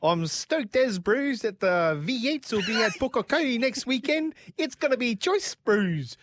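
A man putting on a chirpy high-pitched Kiwi bloke. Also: animated, unhurried, fairly bright tone, dry recording, clean studio sound, heavily acted. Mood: excited. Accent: New Zealand. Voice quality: high, bouncy put-on voice. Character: cheerful Kiwi bloke, excited motorsport fan.

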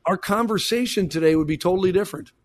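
A man's voice: high voice, quick pace. A man co-hosting a soccer show, chatting casually and restating phrases for emphasis as he analyses plays. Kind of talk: casual sports chat.

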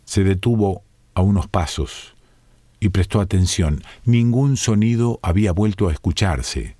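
A male narrator with a Rioplatense accent reads an audiobook calmly and steadily. His voice sits very low and dark, and the sound is close and dry. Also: measured pace, no echo. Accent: Rioplatense Spanish.

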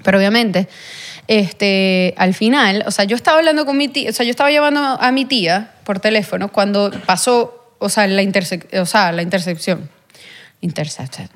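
A young adult woman, a podcast guest who tells a personal story in an earnest, halting way, full of fillers and restarts. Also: medium pitch, fairly even intonation. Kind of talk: personal testimony in a podcast interview.

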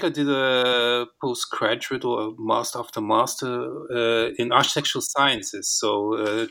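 A man from northeast Belgium with a mid-pitched voice that has a bright, forceful edge. He explains things steadily as an interview guest, with some fillers along the way. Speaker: intellectual historian, interview guest. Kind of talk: casual interview answers.

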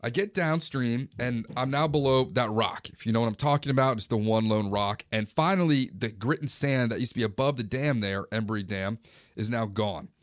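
Forties male vlogger, average pitch, relaxed first-person storyteller, dry close recording. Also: moderate pace, dry recording. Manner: relaxed, conversational recounting. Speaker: fishing vlogger.

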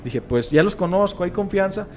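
Here a high-voiced man with a Mexican accent talks at a moderate pace over a little hiss or hum. He's a guest storyteller and paranormal content creator sharing a ghostly tale in relaxed, slang-filled conversation, animatedly performing the voices of those he quotes.

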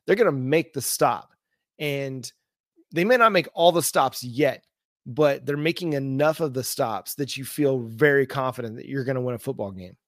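A man with a mid-pitched voice hosts a sports talk show. He analyzes earnestly, stacking up points by repetition, in a very dry, close sound. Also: moderate pace, a bit bright, no echo.

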